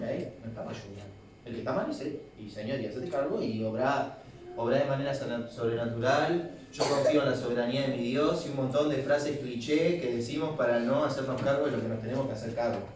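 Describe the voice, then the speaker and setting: Young Uruguayan male preacher, chatty sermon, far from the mic in a very echoey church with steady noise behind. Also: medium pitch. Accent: Uruguayan Spanish. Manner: conversational, with acted-out quotes and restarts. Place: church hall.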